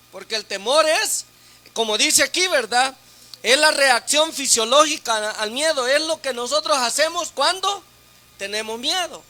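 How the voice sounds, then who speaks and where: A man preaching as a deacon in a sermon to a church women's meeting, teaching through rhetorical questions and frequent tag questions, going loud on questions and soft on asides. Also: very high-pitched. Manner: speaks loudly on questions, then drops to a soft aside.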